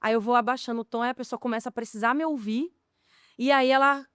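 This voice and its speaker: A young adult woman from Brazil hosting a podcast, telling work stories in a relaxed way and asking her guest questions. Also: a little high, quick pace, smooth, no room sound, clean studio sound. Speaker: podcast host. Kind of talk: casual conversational interview.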